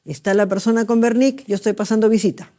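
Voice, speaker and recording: Male medical lecturer, mellow tone, explanatory, asks students to confirm. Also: high-pitched, fairly even intonation, quick pace. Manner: explanatory, asks rhetorical checks, acts out patients. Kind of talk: exam review lecture.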